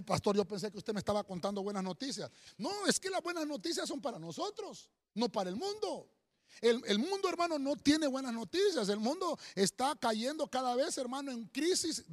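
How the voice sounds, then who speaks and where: A male pastor preaching a sermon. He speaks emphatically, often calls listeners "hermano", and pauses to write and spell words on a board. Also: high-pitched. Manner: teaching at a board, writing and spelling words aloud. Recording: long hall reverb.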